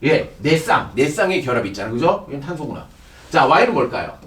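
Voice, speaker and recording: A high, lively male voice lecturing on chemistry, keeping his students engaged with constant check questions. He sounds middle-aged and sits back from the microphone, and his voice bounces around a reverberant classroom. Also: a little fast. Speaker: chemistry teacher. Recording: echoey room, distant mic.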